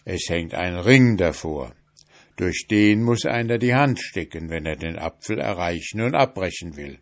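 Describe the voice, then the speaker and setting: A man reading a fairy tale aloud, voicing a stern male giant in a louder, commanding tone. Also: sits low, lively intonation, unhurried. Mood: warning.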